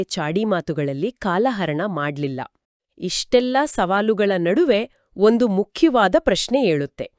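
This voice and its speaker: A woman co-hosting a spiritual discussion podcast, explaining each point calmly from a script. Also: medium pitch, no room sound, clean studio sound. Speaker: podcast co-host.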